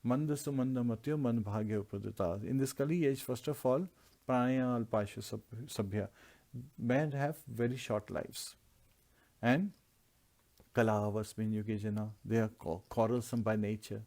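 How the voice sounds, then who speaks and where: A man's voice: medium pitch, moderate pace, a little mellow. A man giving a devotional scripture class, explaining Sanskrit verses word by word in earnest preaching tones. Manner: earnest preaching with repeated lists.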